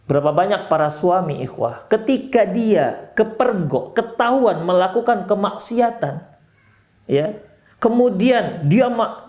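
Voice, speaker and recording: Animated male preacher with a Medan accent. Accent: Medan Indonesian. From Indonesia. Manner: animated, rises sharply in pitch for emphasis, drops low and soft when counselling. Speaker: Islamic preacher. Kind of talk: sermon. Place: mosque.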